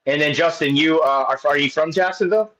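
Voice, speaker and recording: A man's voice: fairly high pitch, fast talker, a bit bright, lo-fi sound. A man in his late thirties, a guest in casual chat, rambling along with many restarts and fillers. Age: 30s.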